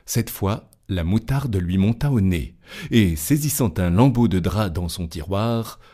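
A man reading a fairy tale aloud as narrator, with lively, expressive storytelling. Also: deep voice, a little slow.

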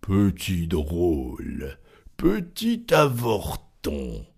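A man voicing a huge, scornful giant in a storybook reading, speaking slowly and with contempt. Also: on the low side, big pitch swings, a little mellow, husky, exaggerated voice. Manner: slow, contemptuous and heavy.

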